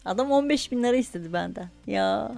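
High-voiced woman telling a lively story. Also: brisk, creaky, no echo, faint music behind. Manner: animated, laughs often, swears freely. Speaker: podcast host. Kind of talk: casual storytelling monologue.

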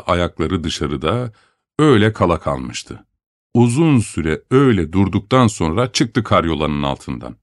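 A man reading a first-person story aloud in an expressive, measured storytelling manner. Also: low voice, no room sound, clean studio sound. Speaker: narrator.

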